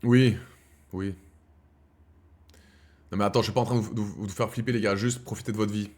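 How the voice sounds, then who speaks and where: Speaking fairly quickly in a steady voice on the low side, a thirtysomething streamer rambles to his viewers and calls them his brothers. His slangy talk alternates between heated outbursts and quieter musing.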